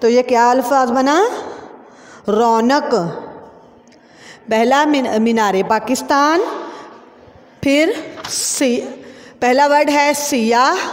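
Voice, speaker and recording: Slow, patient woman teacher, high voice. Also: big-room sound. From Pakistan. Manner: slow, patient, spells words out syllable by syllable. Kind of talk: online lesson for young pupils.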